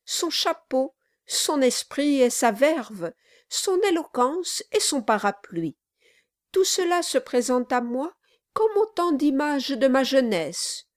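A woman's voice: high-pitched, dry recording, studio quality. A woman doing an oily, fawning male lawyer. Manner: unctuous, exaggerated flattery. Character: fawning sly male lawyer, gushing and obsequious.

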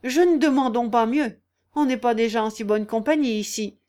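A woman's voice: fairly high pitch, normal speed, warm tone, lightly acted. A woman reading aloud, voicing an insolent, coldly defiant male peasant with a mocking manner.

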